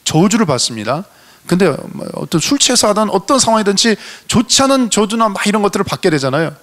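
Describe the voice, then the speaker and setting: A male senior pastor preaching fervently, asking rhetorical questions and swinging between loud, high appeals and low, quiet asides in a church. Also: very animated, fast talker. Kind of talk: sermon. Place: church sanctuary.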